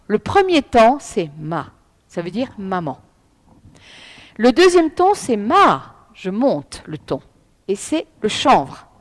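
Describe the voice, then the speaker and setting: Middle-aged woman, public lecturer, high-ish voice that swings widely, emphatic and direct with the room. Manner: lively, emphatic, addresses the audience directly. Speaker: lecturer on Chinese writing. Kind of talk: live public talk.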